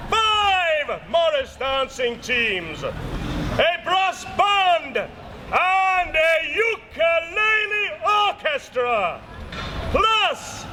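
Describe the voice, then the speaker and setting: A man shouting a town crier's proclamation, declaiming loudly in short, separated phrases. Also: extremely high pitch. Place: outdoors in a town. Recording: noisy outdoor recording, street and vehicle noise.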